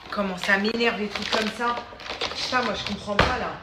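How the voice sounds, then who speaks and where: A woman's voice: mid-range voice, fairly even intonation, brisk. A woman vlogging casually at home, teasing and laughing with her family, easily exasperated. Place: indoors at home. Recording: echoey room with loud noise.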